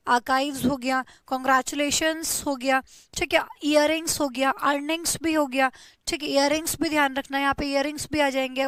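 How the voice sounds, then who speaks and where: High-voiced woman teaching grammar. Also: a bit bright, no echo. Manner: explains patiently, repeats words, drills spellings. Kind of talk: Hindi-language grammar lesson.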